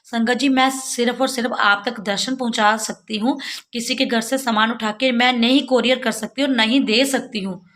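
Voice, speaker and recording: A woman's voice: fairly high pitch, steady tone, moderate pace, a bit bright. A middle-aged woman from Jammu with a sore throat, talking earnestly to her viewers in a casual devotional vlog, pleading and explaining. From Jammu, India. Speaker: devotional vlogger.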